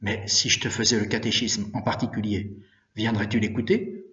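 A priest voicing a kindly male priest who questions a boy gently, recorded from a distance in an echoey room. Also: on the low side, flat delivery, moderate pace, highs cut off. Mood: gentle.

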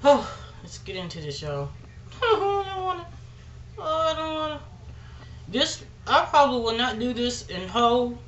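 A woman's voice: a little high, very animated, measured pace, fairly bright tone, echoey room, dull audio, a little hiss or hum. A woman vlogging casually to the camera through a dried face mask, chatty and nervous, saying y'all and giggling. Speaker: beauty vlogger. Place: indoors at home.

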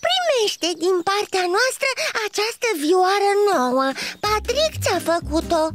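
Tiny ant kids, piping and high, voiced by a woman. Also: sing-song, soft background music. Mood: apologetic. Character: chorus of tiny ant children.

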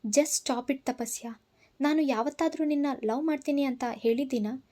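A woman voicing an angry young man who shouts and gives orders, in a storybook reading. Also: high-pitched, moderate pace, close to an everyday voice. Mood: furious. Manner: shouting, commanding. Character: furious young man confronting his obsessive cousin.

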